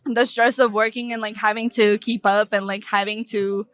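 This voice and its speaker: A woman's voice: medium pitch, flat delivery, moderate pace, clear, resonant tone, no room sound. A young woman from Russia chatting casually outdoors in a park, saying "like" a lot and often laughing. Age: young adult. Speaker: interviewee. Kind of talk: casual chat.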